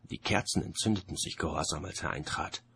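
Deep husky male audiobook narrator. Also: a bit bright. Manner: measured storytelling.

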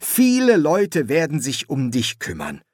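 A man's voice: on the high side, huge pitch swings, a little slow, a little mellow, breathy edge, no room sound, studio quality, voice pushed up, full character voice. A man voicing an anxious young king who hesitates and fusses in an audiobook. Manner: hesitant, fussy.

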